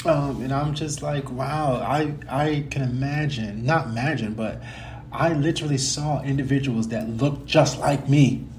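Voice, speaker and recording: Steady and measured, with a mid-range, somewhat dark voice, a young man from the United States chats personally on his own podcast despite a slight cold. He is casual and earnest, wandering and self-correcting, over a faint hiss or hum.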